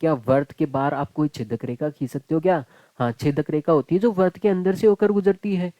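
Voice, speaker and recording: Man, maths teacher, chatty, joking, warm dark voice, dry recording. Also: fairly high pitch, brisk, no room sound, highs cut off. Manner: chatty, jokey, calls students beta and bhai. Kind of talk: online class lecture.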